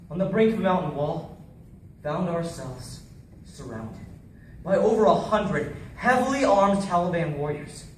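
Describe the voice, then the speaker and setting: Playing a haunted Navy SEAL survivor who recounts a deadly battle, a man delivers a theatrical first-person monologue in a voice high for a man yet close to everyday speech. The mood is grim and haunted, his intensity swinging between hushed grief and urgent shouting. The sound is distant, heavily echoing, with faint noise.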